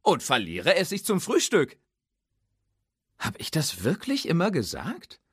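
A cocky young race car, voiced by a male reader, psyches himself up in a husky, lively voice that jumps up and down in pitch. The storybook reading sounds dry and close. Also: a little slow, no echo, exaggerated voice. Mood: excited.

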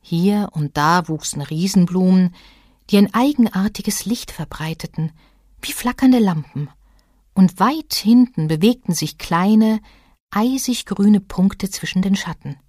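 A woman reading a children's story aloud in an expressive way. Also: medium pitch, a little slow, dry recording, clean studio sound.

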